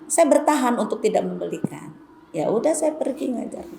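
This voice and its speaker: A woman's voice: a little high, big pitch swings, fairly quick, gravelly. Chatty woman lecturing in an echoey hall. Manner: chatty, storytelling, addresses the women as "Bu". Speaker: Islamic women's teacher. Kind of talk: conversational Islamic lecture with anecdotes. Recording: echoey hall, faint background noise.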